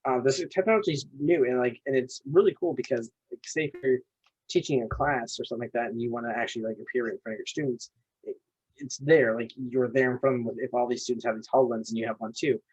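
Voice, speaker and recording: An eager man rambles through a casual podcast chat at a rapid clip, restarting his sentences as he goes. His voice is husky, and the recording sounds dull and lo-fi. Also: mid-range voice, a little mellow. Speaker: podcast co-host.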